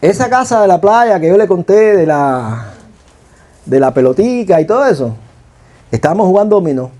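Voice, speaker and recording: Cuban male preacher, middle-aged, fairly high and mellow, storytelling sermon with rhetorical questions. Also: sing-song, moderate pace. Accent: Cuban Spanish.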